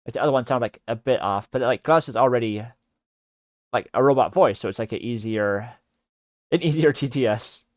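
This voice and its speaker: A male streamer chatting casually on a livestream while working on 3D art, speaking haltingly with many fillers and half-finished sentences. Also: medium pitch, a little mellow, dry recording, clean studio sound.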